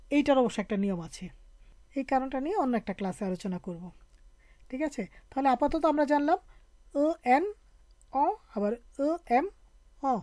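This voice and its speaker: A woman's voice: sits high, dark tone, no echo. A woman teaching a French spelling and pronunciation lesson, patiently spelling out each sound letter by letter. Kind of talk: online language lesson.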